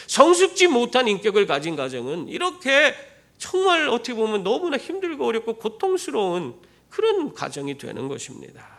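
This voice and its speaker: A man preaching a sermon as pastor, telling stories with rhetorical questions to the congregation. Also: sits high. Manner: animated storytelling with rhetorical questions. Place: church.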